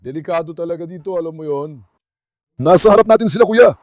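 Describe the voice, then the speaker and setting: A man narrating a tense outdoor adventure vlog, urgently calling out to his dogs and switching between loud shouts and hushed warnings. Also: on the high side, fast, no room sound, clean studio sound. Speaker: vlogger and dog owner. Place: forest at night.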